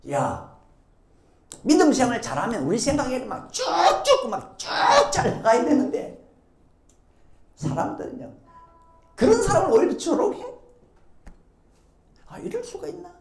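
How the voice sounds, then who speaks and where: A woman pastor delivers a sermon with lively, widely swinging pitch. She tells her story dramatically, slipping into the voices of the people in it. Her voice rings out in an echoey church sanctuary. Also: a little slow, long pauses. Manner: animated storytelling, acting out quoted voices.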